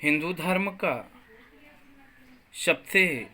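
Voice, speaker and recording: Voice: medium pitch, lively intonation, drawn-out words, bright, forceful tone. A school teacher giving a lesson, reciting verse lines and explaining them word by word with English words mixed in. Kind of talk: classroom lesson.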